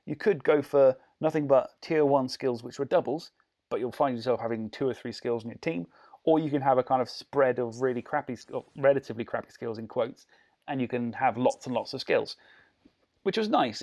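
Rambling and joking through a casual podcast chat, a man with a Bristol-flavored English accent keeps digressing. His mid-range voice is a little mellow.

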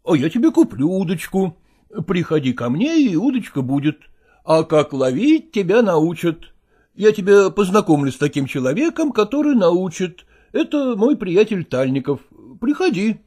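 A man's voice: high voice, big pitch swings, moderate pace, mellow, voice pushed up. A man doing an exasperated estranged husband. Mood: fatherly coaxing. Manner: exasperated, pleading and firm. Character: irritable, harassed middle-aged estranged husband and father.

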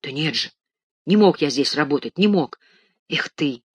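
In a dry, close reading, a man gives voice to a loud, blustering male patient, a former thief who shouts and wheedles in indignation. The voice is raised and pitched high. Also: expressive, moderate pace, breathy edge, no room sound. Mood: aggrieved. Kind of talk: audiobook reading.

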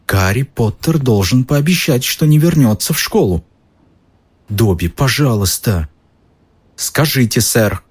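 Dobby the house-elf, high squeaky voice, anxious and pleading, husky edge. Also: male voice, expressive, measured pace. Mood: desperate. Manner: pleading, calls the listener sir.

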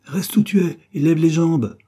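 A man voicing a shrill, ill-tempered working wife who scolds and shouts. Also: normal speed, slightly rough. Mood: furious. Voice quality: piercing, shrill.

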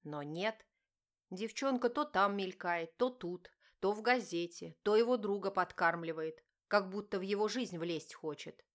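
A woman reading a romance novel aloud in steady, expressive scripted narration. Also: medium pitch, measured pace. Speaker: audiobook narrator.

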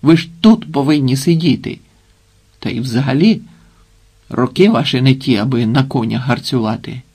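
A man reading the part of a bold young male Cossack in an audiobook, with a forceful, rousing delivery. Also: mid-range voice, moderate pace, breathy edge. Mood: protesting.

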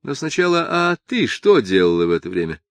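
A weary, ironic writer talks in an offhand, dry way, as the audiobook narrator voices him. The voice swings widely in pitch. The recording is close and dry, with no room sound. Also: male voice, sing-song, a little fast, no echo. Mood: wry. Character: wry, weary man, a writer.

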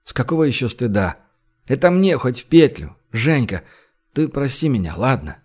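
A man reading an audiobook, voicing a calm young man who jokes dryly and speaks gently. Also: mid-range voice, moderate pace. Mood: wry. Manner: dry, half-joking, gentle.

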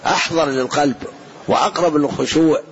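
A man answering questions in a religious lesson, explaining in a measured way and repeating points for emphasis. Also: a little high. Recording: dull lo-fi lecture recording.

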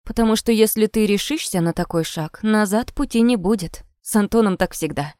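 A woman's voice: mid-range voice, brisk, dark tone, dry recording, studio quality, natural voice. A woman reader voicing a worldly young woman friend who smokes and hands out knowing advice. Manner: knowing, advising.

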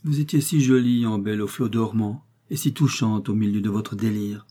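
Man voicing an older mother, worried, lamenting, husky, warm. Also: lowish voice, normal speed. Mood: confiding. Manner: lamenting, pleading. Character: anxious old mother, tender and talkative.

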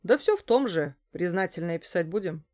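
A woman's voice: lowish voice, animated, a little fast, a little mellow, natural voice. A woman reading an audiobook voices a brusque male police investigator who sounds stern, mocking and officious.

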